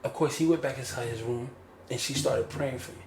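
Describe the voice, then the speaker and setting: A man telling a personal story on a casual podcast, animated and repeating phrases like "you feel me". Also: mid-range voice, a little fast, gravelly, echoey room, slight background noise. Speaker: podcast host.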